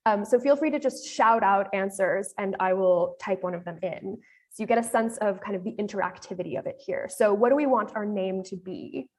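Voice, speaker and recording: A woman's voice: mid-range voice, fairly quick, darkish tone. A woman with an American accent giving a casual, explanatory live demo presentation on a panel, talking with frequent fillers.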